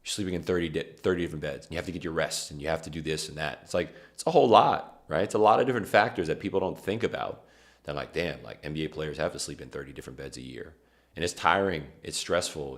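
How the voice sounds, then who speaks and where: A man's voice: extremely low pitch, fairly bright tone. A young man hosting a streamed show, talking in loose, rambling slang and often stopping to correct himself. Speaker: podcast host. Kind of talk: casual chat.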